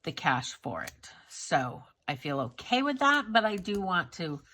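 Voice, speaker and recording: A woman with a lowish, sharp, sing-song voice vlogs about her monthly budget at an unhurried pace. She's congested from a cold, and she sounds candid, self-critical, and chatty, often trailing off into fillers.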